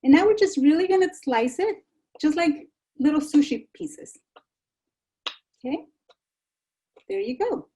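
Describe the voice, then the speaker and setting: A woman's voice: high voice, expressive, measured pace, pauses often, mellow. A woman giving a live online cooking demonstration in a chatty, reassuring way over a video call. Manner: chatty, reassuring, repeats herself. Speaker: enrichment instructor.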